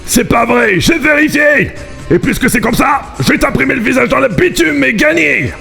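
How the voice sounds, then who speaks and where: A man voicing a big, brash, dim-witted albatross henchman in an amateur cartoon fandub, blustering and easily confused, with a gravelly voice. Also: extremely high pitch, animated, moderate pace, pushed and bright, soft background music, exaggerated voice. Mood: indignant.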